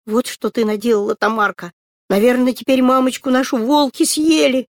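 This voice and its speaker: Woman reader as anxious little girl, high childish voice, storybook. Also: fairly even intonation, normal speed, no room sound, clean studio sound, natural voice. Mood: frightened. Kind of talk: storybook reading.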